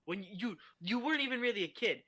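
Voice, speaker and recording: A man's voice: high-pitched, animated, quick pace, bright, forceful tone. A young adult man talking as a guest in a casual podcast chat, ranting animatedly and swearing a lot.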